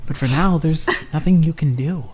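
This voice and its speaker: A woman voicing a prickly, gruff teenage girl in a fan-made game; she talks bluntly and stammers when she gets flustered. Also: low-pitched, normal speed, background noise, natural voice. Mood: stern. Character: prickly, gruff teenage girl who hides her kindness.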